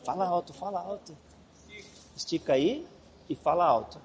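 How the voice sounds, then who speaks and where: A man's voice: sits high, normal speed. Coaxing man teaching kids. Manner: coaxing, encouraging, repeats instructions. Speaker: children's Bible class teacher. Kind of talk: leading a children's game. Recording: echoey room, faint background noise.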